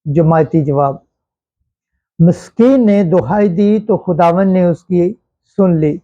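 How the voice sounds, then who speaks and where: A man giving a slow, solemn liturgical Bible reading as a scripture reader, with measured recitation. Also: high-pitched, lo-fi sound.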